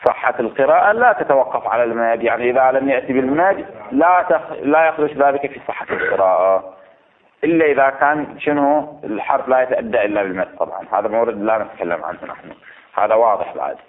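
A man's voice: medium pitch, animated, fast. A man teaching a class on recitation rules, explaining step by step and asking the students questions. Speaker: religious teacher. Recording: tinny phone-like lo-fi recording.

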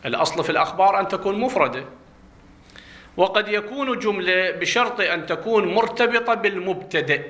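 A man with an Iraqi Arabic accent lectures a classroom on grammar in a fairly high, bright, forceful voice. He poses questions to the class and answers them himself, drawing out key words for stress when explaining terms.

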